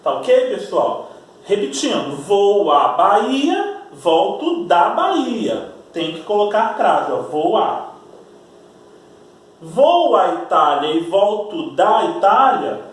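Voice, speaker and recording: A male Brazilian school teacher giving a slow grammar lesson, repeating his points and checking in with the class. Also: high voice, distant mic. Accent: Brazilian Portuguese. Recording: very echoey room, voice from off-mic.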